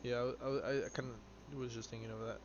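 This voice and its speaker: A man's voice: medium pitch, level tone, brisk. Rambling young man streaming a game. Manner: rambling, filler-heavy, answers chat offhand. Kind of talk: casual live-stream chat while playing. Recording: slightly dull audio with clear background noise.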